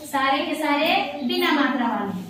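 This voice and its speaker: High-voiced teacher in an echoey classroom. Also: female voice, expressive, normal speed, fairly bright tone. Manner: patient, repetitive call-and-response prompting. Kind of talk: classroom phonics lesson. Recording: echoey room, voice from far off.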